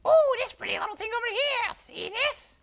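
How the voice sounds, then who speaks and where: Doom, a shrill little imp. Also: male voice, moderate pace, slight background noise. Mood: gleeful. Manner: screechy, excitable, shouty. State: straining his voice. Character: shrill, bratty little male imp sidekick. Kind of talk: comic product skit.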